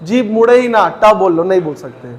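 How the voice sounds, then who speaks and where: A man teaching a Hindi grammar class for exam preparation. He asks the class questions, answers them himself, repeats key terms and says each sound slowly. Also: high voice, lively intonation, big-room sound.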